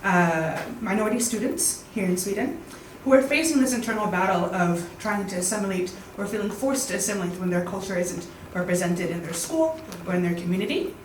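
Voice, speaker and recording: A woman's voice: mid-range voice, lively intonation. Audience questioner, woman, earnest, noisy roomy recording. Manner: earnest, hesitant with "uh" pauses. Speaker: audience member asking a question. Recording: echoey hall, distant mic, clear background noise.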